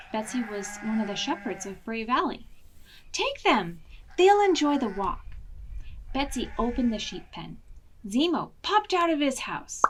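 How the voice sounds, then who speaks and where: A slightly high, somewhat bright voice belongs to a woman reading a picture book aloud to preschoolers during a children's library storytime. She reads with dramatic emphasis and asks the children questions, with slight background noise in the recording.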